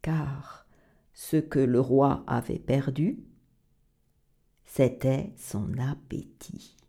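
Woman children's storyteller; expressive, unhurried, warm dark tone. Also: extremely low pitch, breathy edge. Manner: expressive, sing-song, dramatic.

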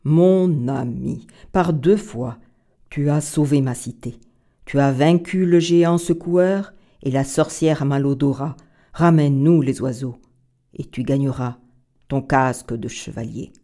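A woman voicing a weary, worried old king in a storybook, speaking slowly and solemnly. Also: warm tone. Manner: slow, deep, solemn.

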